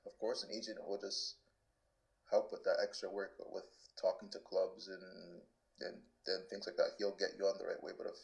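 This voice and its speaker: Speaking at a moderate pace with a low pitch and vocal fry, a Canadian man in his twenties, a guest soccer player, handles interview questions casually. The recording is rough, and his answers are loose, with frequent "like" fillers and restarts.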